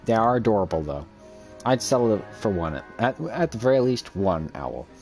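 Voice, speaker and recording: A man's voice: fairly low pitch, lively intonation, brisk, a little mellow, soft background music. A man giving casual let's-play commentary over a game, rambling with many ums and uhs. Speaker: gameplay commentator.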